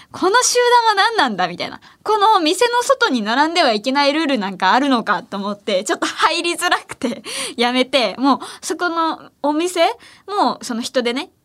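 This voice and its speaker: A woman's voice: sits high, a bit bright. A young woman hosting a late-night radio show, chatting casually in a playful, teasing way and laughing often. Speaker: radio host. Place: radio studio.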